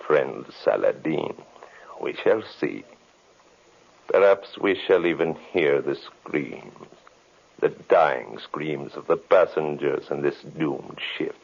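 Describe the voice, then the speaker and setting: An actor playing a gloating, commanding evil magician in an old radio horror drama, imperious, menacing and theatrical. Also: male voice, a bass voice, vocal fry, breathy edge, heavily acted. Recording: muffled old radio recording.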